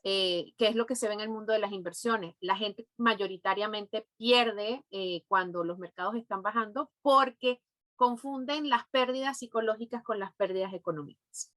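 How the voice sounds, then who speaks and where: A woman from Venezuela with a Venezuelan Spanish accent, a podcast guest explaining neurofinance in a thoughtful way with pauses and fillers. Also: mid-range voice, a bit bright, no room sound. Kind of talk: podcast interview.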